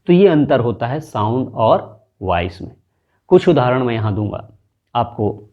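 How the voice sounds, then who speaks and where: A man teaching a spoken lesson, explaining slowly and deliberately and stretching out example words. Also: mid-range voice, big pitch swings, dull audio.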